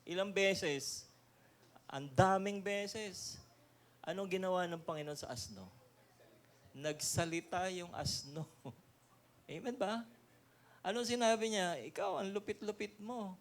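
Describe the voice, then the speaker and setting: A male pastor preaching a lively sermon with a Filipino accent, often asking the congregation questions and laughing. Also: high-pitched, takes it slowly, long pauses.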